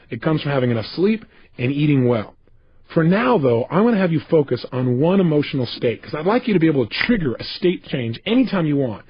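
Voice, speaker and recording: A man giving a motivational audio tape lecture in an emphatic, energetic, persuasive way. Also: a little high, slightly rough, no echo, highs cut off. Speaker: motivational speaker.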